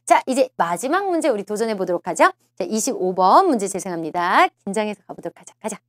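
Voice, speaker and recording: Lively woman teaching an exam class. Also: medium pitch, quick pace, no echo, clean studio sound. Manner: lively, coaxing, repeats key phrases and asks the class questions. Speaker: TOEIC listening instructor. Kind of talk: exam-prep lecture.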